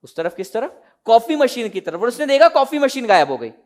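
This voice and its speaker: A man's voice: very high voice, sing-song, a little fast. A young man giving a classroom lecture as an exam tutor, explaining concepts with humorous everyday examples and frequent questions to students.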